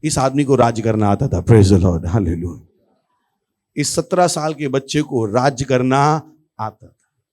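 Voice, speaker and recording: A man preaching as a pastor in an animated sermon, often calling out exclamations to his congregation. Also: mid-range voice, slow pace. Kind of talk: lively Hindi sermon.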